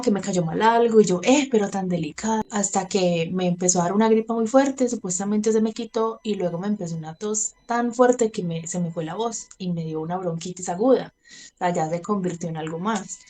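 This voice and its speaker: In an interview, a Colombian woman in her thirties candidly tells her personal story in conversation, laughing lightly between sentences and acting out the words she said back then. Her voice is mid-range and dark in tone, and her pace is moderate.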